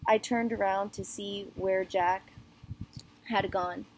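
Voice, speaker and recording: A woman reading a children's novel aloud in an even, unhurried first-person voice. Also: mid-range voice, a little hiss or hum, rough recording. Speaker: audiobook reader.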